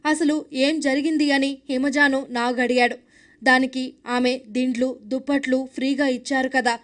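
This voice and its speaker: Lady news voice-over, high pitched, steady recap reading. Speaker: news narrator.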